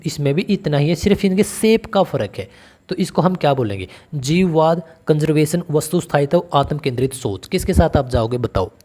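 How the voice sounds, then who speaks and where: A male tutor talks through a teacher-exam lesson in a chatty way, often calling the listener brother and throwing questions back at them. His voice sits a little high, with a warm, mellow tone. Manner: conversational, calls the listener brother and asks questions. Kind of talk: online exam-prep lesson.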